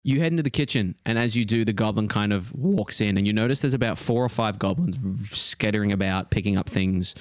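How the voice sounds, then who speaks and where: Low-voiced man running a tabletop game. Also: brisk, hardly any pauses, no echo, clean studio sound. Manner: casual, descriptive. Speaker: game master. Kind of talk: improvised tabletop game narration.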